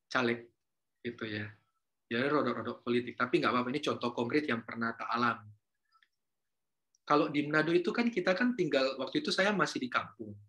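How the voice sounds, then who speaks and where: A man from North Sulawesi, Indonesia, gives a casual university lecture, chatting with students, quizzing them, and dropping in Javanese and English words. His medium-pitched, sharp-toned voice is expressive and a little fast, with frequent pauses.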